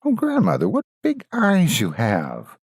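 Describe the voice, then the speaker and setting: A man's voice: sits high, huge pitch swings, a little slow, creaky, darkish tone, slightly rough, dry recording, studio quality, pitched above the performer's own voice, heavily acted. A man voicing an innocent, trusting little girl in a fairytale, earnest and wide-eyed. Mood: amazed. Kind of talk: fairytale storybook reading.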